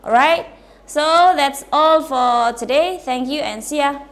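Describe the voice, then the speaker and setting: A woman's voice: high-pitched, takes it slowly, fairly bright tone. A woman with an Indonesian accent explaining English comparatives in a bilingual lesson, checking in with repeated "alright?". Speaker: English teacher.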